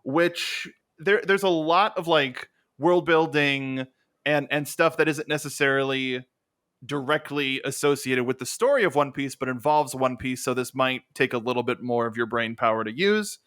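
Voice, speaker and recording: A man's voice: medium pitch, normal speed, fairly bright tone. A man hosting a casual game show, reading out trivia questions and scores with playful banter.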